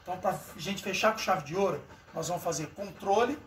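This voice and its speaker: A man who trains dogs speaks in a fairly high voice, chatting casually to the viewers. He sounds distant from the mic. The sound is roomy, with steady noise behind him. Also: brisk. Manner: informal, talks straight to the viewers. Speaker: dog trainer. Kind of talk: explaining to camera, then coaching.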